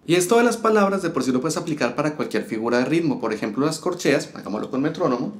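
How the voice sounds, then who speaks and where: A man's voice: a little high, lively intonation, quick pace. A man teaching a step-by-step guitar lesson, explaining rhythm and counting syllables aloud. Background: guitar playing.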